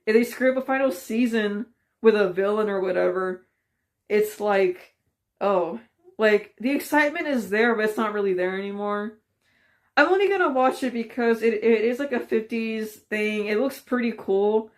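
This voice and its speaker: A woman talks straight to her viewers in a loose, unscripted opinion piece. She rambles and restarts, sounding frustrated. Her voice sits at an ordinary middle pitch. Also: moderate pace. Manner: ranting, frustrated, rambling with fillers. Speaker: vlogger. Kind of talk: casual opinion commentary.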